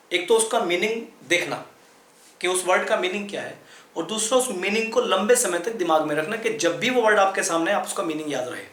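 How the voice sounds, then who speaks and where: A man's voice: high-pitched, a bit bright, reverberant. A man teaching English vocabulary in Hindi, explaining patiently and spelling words out letter by letter. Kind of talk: explaining lesson in Hindi at a chart.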